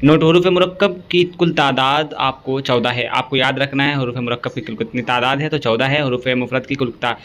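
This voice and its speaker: A male teacher giving an exam-prep grammar lesson. He recites long lists item by item at an even pace and keeps checking in with a quick "okay". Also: medium pitch.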